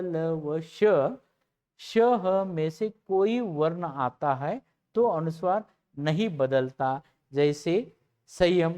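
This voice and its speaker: A teacher gives a recorded lecture to students, explaining slowly and repeating example words one at a time. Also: medium pitch, a little mellow.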